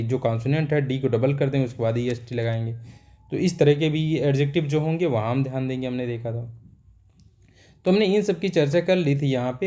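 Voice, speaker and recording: A man teaching a grammar lesson. His voice sits in a middle range with a dark, mellow tone. He repeats points and poses questions he then answers himself. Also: mid-range voice. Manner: repetitive, asks and answers himself.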